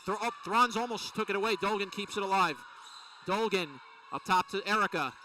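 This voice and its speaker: A man calling a college women's basketball game play by play, with rapid, excited calls of each play. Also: high voice. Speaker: play-by-play announcer. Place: college gym. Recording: distant mic with faint gym noise.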